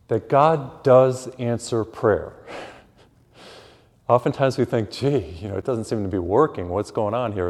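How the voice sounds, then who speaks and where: A man's voice: fairly low pitch, a little mellow. A man, a priest, preaching a sermon in a church in a conversational way with homely asides, his voice trailing in a long church reverb. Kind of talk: sermon with gospel reading. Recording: echoey church hall reverb.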